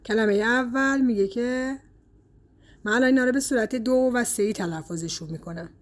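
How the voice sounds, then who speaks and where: A woman from Iran teaching Chinese pronunciation in a casual lesson, pausing often with "uh" and stretching example words out slowly. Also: on the high side. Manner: explains slowly, with frequent "uh" fillers.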